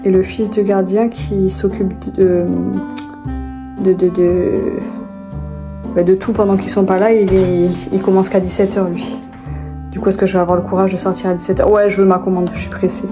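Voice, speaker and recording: A woman's voice: mid-range voice, level tone, moderate pace, music in the background. A young woman, chatting casually to viewers in a rambling vlog, with many fillers and restarts. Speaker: vlogger.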